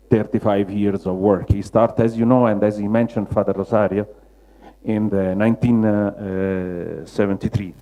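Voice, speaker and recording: Male lecturer, Roman Italian accent, mellow relaxed tone, halting second-language English. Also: on the low side, dull audio. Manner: halting non-native English, searching for words. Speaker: lecturer, mosaic restorer. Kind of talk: public lecture with slides.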